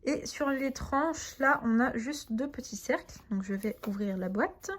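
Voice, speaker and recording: A woman's voice: on the high side, animated, measured pace. A woman doing a casual unboxing, chatty and enthusiastic with frequent hesitations, reading out card names and translating them. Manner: reads English card names aloud with translations. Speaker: tarot and oracle deck reviewer.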